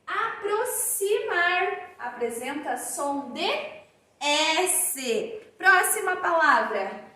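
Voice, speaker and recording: A woman teacher leads a primary school phonics lesson and draws out each word slowly as she dictates. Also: extremely high pitch, sing-song, pushed and bright. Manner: slow, drawn-out dictation of words. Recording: very echoey room.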